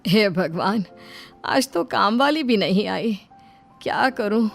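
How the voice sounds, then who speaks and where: A woman playing a gentle, worried mother-in-law. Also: medium pitch, expressive, slow pace, creaky, faint music behind, heavily acted.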